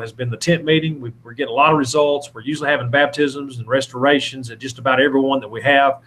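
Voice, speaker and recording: A man's voice: medium pitch, fairly bright tone. A man, an evangelist talking informally and earnestly in an interview, often exhorting and repeating himself. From Alabama, southern United States. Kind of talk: informal interview talk with preaching.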